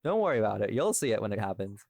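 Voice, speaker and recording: Talking very fast in a sing-song, gravelly, slightly mellow voice of fairly low pitch, a podcast host and audio drama creator emphatically explains his creative choices to his listeners, addressing them directly on a casual show. The studio-quality audio has no room sound.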